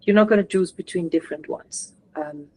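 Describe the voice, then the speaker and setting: A woman channeler guiding a participant through a session, talking gently and coaching, often filling in with "like". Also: on the low side, fairly quick, rough recording.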